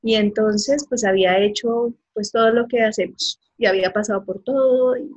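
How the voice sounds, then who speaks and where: A woman's voice: medium pitch, darkish tone, breathy edge, muffled recording. A woman from Colombia, a doctor answering interview questions earnestly over a video call, with frequent restarts. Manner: earnest, telling her story with restarts. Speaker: guest, doctor.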